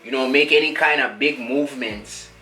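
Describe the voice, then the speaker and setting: A man doing a brash young street rapper. His voice is bright and punchy, with music playing faintly behind him. He rambles through heavy slang and keeps asking the listener whether they get him. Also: mid-range voice, normal speed, natural voice. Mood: boastful. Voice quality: slang-heavy rambling with endless filler tags. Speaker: musician being interviewed. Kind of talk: comedy sketch.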